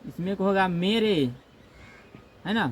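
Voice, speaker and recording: High-voiced grammar teacher, lilt. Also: male voice, steady tone, slow. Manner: repetitive, checks in with "है ना"; acts out comic example dialogue. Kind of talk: classroom lecture. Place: classroom.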